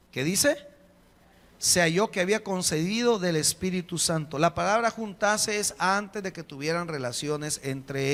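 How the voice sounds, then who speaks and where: A man, preaching a sermon as a pastor, emphatic, slowing on key phrases and putting rhetorical questions to the congregation. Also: high voice, fairly bright tone. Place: church hall. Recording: long reverb of a church hall.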